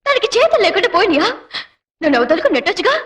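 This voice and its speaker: A woman's voice: extremely high pitch, very animated, very fast, fairly bright tone, exaggerated voice. A woman dubbing a devoted, emotional young wife in a film, pleading and earnest. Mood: aggrieved. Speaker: dubbing actress. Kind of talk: Telugu film dub.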